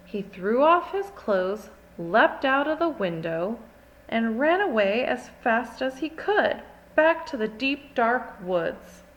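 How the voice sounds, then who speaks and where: Woman as an earnest, animated little girl storyteller. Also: a little high, slow pace, lo-fi sound, a little hiss or hum. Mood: puzzled, worried.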